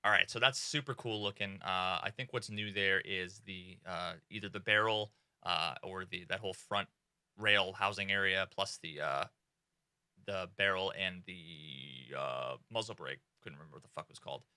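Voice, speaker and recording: A young gaming streamer with a bright, sharp, rather low voice talks about game gear from a small streaming room at home. He's excitable, swears freely and fills gaps with "uh" in this casual commentary. The desk mic gives a close, dry, clean sound with no room noise.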